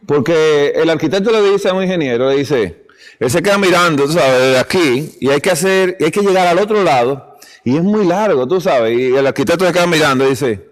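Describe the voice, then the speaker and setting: A man's voice: on the high side, fairly quick. A man giving a health seminar at a church, telling stories with acted-out dialogue and frequent laughter. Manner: animated storytelling, acts out dialogue, laughs often. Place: church hall. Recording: long reverb of a church hall.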